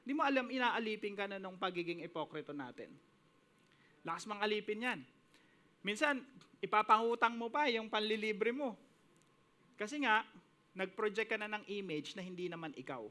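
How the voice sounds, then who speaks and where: A male pastor preaching a sermon, mixing in English phrases and reading scripture slowly with emphasis. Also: sits high, bright, forceful tone. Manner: switches between Tagalog and English, quoting scripture with emphasis.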